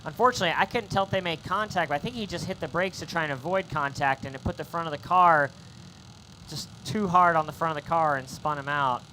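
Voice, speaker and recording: A man giving live play-by-play commentary at a drift event, excitable and jokey. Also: fairly high pitch, fast, slight background noise.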